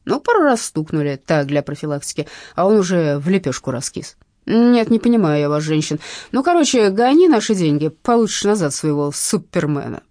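A woman's voice: fairly low pitch, sing-song, brisk, warm tone, no room sound, clean studio sound. A woman voicing a boorish, self-assured male gang boss who talks with mocking contempt, in an audiobook. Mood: scornful.

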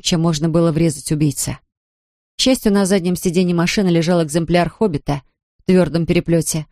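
A woman narrating an audiobook in a measured, expressive storytelling manner. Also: lowish voice, no echo, studio quality. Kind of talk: scripted narration.

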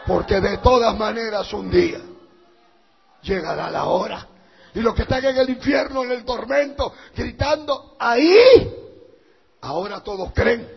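A male pastor preaching a fiery sermon, swinging between shouting and hushed intensity. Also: high voice, normal speed, gravelly, breathy edge. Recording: dull reverberant hall recording.

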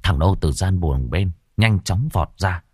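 A man's voice: sits low, expressive, a little slow, slightly rough, no echo, clean studio sound. A man narrating a dramatic audiobook story.

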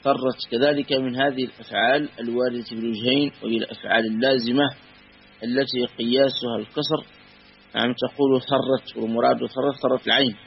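A man teaching a classical grammar lesson, measured and patient, repeating and spelling out word forms slowly. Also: medium pitch, steady tone, gravelly. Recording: dull lo-fi recording with faint hum.

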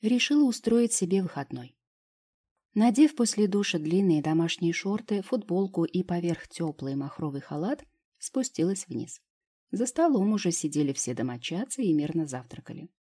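Woman reading an audiobook, low mellow husky voice, dry ironic tone. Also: sing-song, normal speed. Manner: wry, ironic storytelling. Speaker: audiobook narrator. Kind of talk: first-person novel narration.

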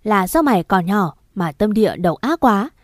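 A woman voicing a harsh, angry father in an audio story, scolding loudly. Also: medium pitch, sing-song, normal speed, dry recording, studio quality. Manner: cold, scolding and loud. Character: harsh angry father, middle-aged man.

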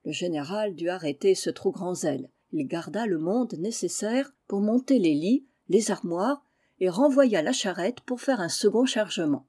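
A woman reading a children's novel aloud in a measured, clear way. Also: mid-range voice, animated, mellow. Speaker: reader. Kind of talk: storybook narration.

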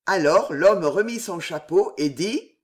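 A man narrating a novel as an audiobook in a slow, dramatic reading. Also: high-pitched, animated.

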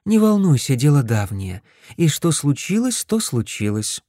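A man's voice: a little high, big pitch swings, measured pace, mellow, dry recording, studio quality, pitched above the performer's own voice. A man voicing a brash, teasing older sister.

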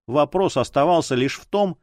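A man reading an audiobook aloud in a dramatic, expressive manner. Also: fairly high pitch, moderate pace, no room sound, studio quality. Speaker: audiobook narrator. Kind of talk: scripted audiobook narration.

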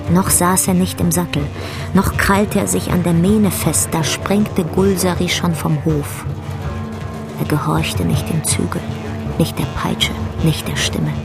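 A woman narrating a radio drama in a measured, dramatic storytelling manner. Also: fairly low pitch, gravelly. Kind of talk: scripted literary narration.

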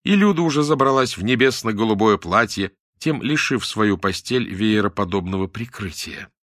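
Expressive male audiobook narrator. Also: lowish voice, normal speed, no echo, clean studio sound. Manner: expressive, dramatic reading.

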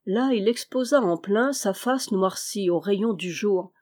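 A woman narrating an adventure novel as an audiobook, steady and clear. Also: medium pitch, a little slow. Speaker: audiobook reader. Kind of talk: scripted narration.

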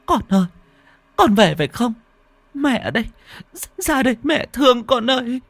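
A man's voice: very high voice, sing-song, normal speed, a bit bright, no room sound, pitched above the performer's own voice, heavily acted. A man doing a wailing grieving mother. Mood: pleading. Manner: wailing, sobbing cries. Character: grieving young peasant mother, desperate.

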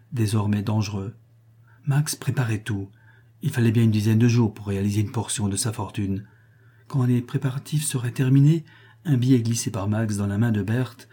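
A man reads a novel aloud in measured, expressive narration. His voice sits low, with a dark and slightly husky tone that gives the prose a soft grain. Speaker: audiobook reader.

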